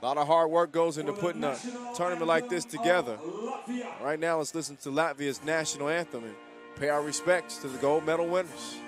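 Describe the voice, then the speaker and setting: A man hosting live sports coverage, with informal hype and drawn-out phrases. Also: on the high side, steady tone. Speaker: event commentator and host. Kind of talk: live sports commentary and sign-off. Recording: music and crowd behind live mic. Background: music and crowd.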